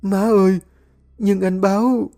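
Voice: mid-range voice, level tone, takes it slowly, dark tone, soft background music, voice pushed up. A storyteller voicing a meek young pregnant daughter-in-law who pleads and whimpers. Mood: pleading.

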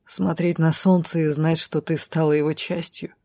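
A woman voicing a tall male drow who speaks calmly and tersely in a low, quiet voice in an audiobook. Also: fairly quick, no room sound. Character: tall calm male drow, stern and tender. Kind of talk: audiobook character voice.

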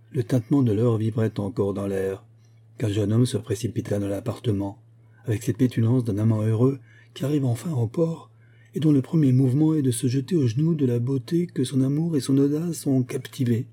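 A man narrating a nineteenth-century tale as an audiobook, steady and formal. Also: mid-range voice, slightly rough.

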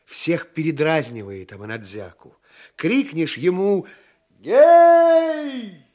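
A man narrating a fairy tale in a studio audio play, measured and lilting. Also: a little high, wildly swooping pitch, slightly rough.

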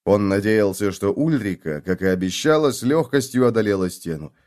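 A man narrating an audiobook in an expressive, dramatic reading style. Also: fairly low pitch, brisk.

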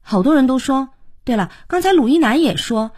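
Husky proud, heartbroken daughter. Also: female voice, high-pitched, lively intonation, fairly quick, darkish tone. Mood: eager. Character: young woman, grieving daughter, brittle and proud. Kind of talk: audiobook character reading.

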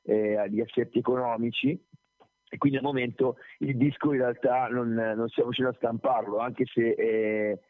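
A man's voice: medium pitch, steady tone, normal speed. A man who sings in a band answers interview questions over a phone call, talking in a loose, rambling way and correcting himself as he goes. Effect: heard over a phone call. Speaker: singer of a band, interview guest. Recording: tinny phone line.

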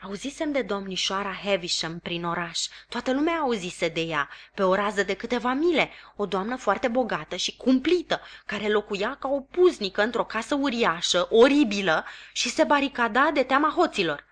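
A woman reading a classic novel aloud as an audiobook, in measured, even storytelling. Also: mid-range voice. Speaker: audiobook reader. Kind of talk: literary audiobook narration.

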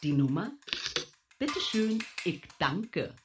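A woman voicing a talking coin payphone in a radio play, curt and officious, with a distant quiet payphone sound. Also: on the low side, sing-song, background noise. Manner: curt, officious, slow commands.

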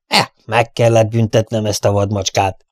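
A man's voice: fairly low pitch, steady tone, a little mellow, no echo, studio quality, natural voice. A man voicing a cruel, mocking bandit who threatens and sneers. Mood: furious.

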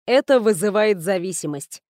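A woman reading an audiobook, voicing a composed young male noble master in a level, steady tone. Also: mid-range voice, normal speed, no room sound, clean studio sound, natural voice. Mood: calm. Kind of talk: audiobook character voice.

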